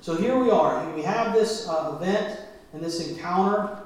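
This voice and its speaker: A man's voice: sits high, normal speed, a little mellow, very echoey, low-quality recording. A man preaching a sermon to his church, talking conversationally and asking the congregation questions. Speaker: pastor.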